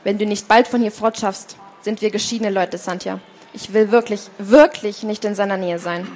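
Woman doing frantic woman, shrill, loud, commanding, live novel reading. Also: fairly even intonation, normal speed, lightly acted. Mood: anxious. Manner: panicked, pleading, then screaming. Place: book fair stand, indoors.

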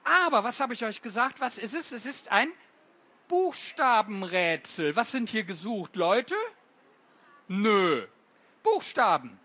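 Author reading poems to kids, bright voice, unhurried, playful, quizzing the audience, lots of tag questions. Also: medium pitch, expressive. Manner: chatty, with many tag questions. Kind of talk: live poetry reading for children.

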